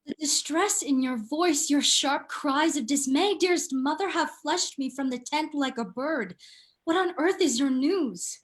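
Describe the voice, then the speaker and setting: An actress playing a young princess daughter, speaking in a gentle, mournful way. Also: female voice, sits high, a little slow. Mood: anxious. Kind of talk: stage play reading.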